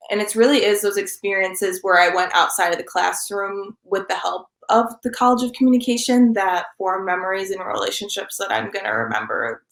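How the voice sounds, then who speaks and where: A young woman in her twenties, a student guest giving earnest, reflective interview answers with frequent ums. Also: mid-range voice. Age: 20s. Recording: roomy echo.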